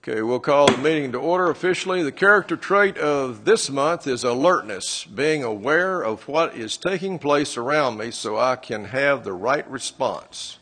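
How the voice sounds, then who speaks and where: A man's voice: mid-range voice, expressive, moderate pace, hardly any pauses, fairly bright tone, husky. A man presiding over a city council meeting, formal and procedural as he calls votes and invites comments. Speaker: council chair.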